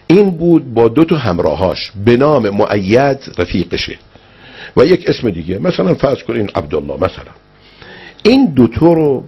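A man's voice: vocal fry, husky. A man preaching and telling a religious story, acting out the people in it with big swings in his voice. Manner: animated storyteller, acts out quoted speech with big pitch swings.

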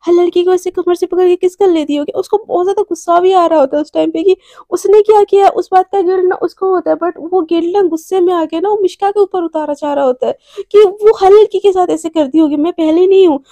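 A woman's voice: very high-pitched, quick pace, dark tone, no room sound. A young woman narrating a romance story in a breathless, rambling, dramatic way.

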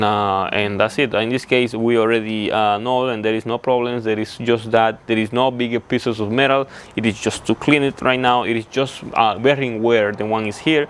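A young man walks through a truck repair in an indoor shop, speaking in plain, halting sentences full of fillers. His voice sits at an ordinary pitch. A faint hum of shop noise lingers underneath. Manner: plain, halting explanation with many fillers and restarts. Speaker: truck mechanic. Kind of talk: hands-on repair walkthrough.

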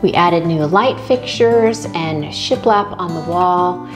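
A woman calmly narrating a home tour as a vlogger, talking through each room in a homey, unhurried way. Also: on the low side. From Texas. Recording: faint background music.

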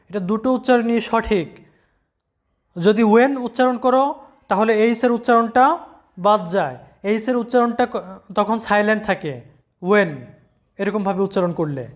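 A language teacher talks learners through a recorded lesson at a mid pitch. Each word is said slowly, then repeated in a patient, direct way. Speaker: English pronunciation teacher. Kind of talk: recorded lesson explaining vocabulary.

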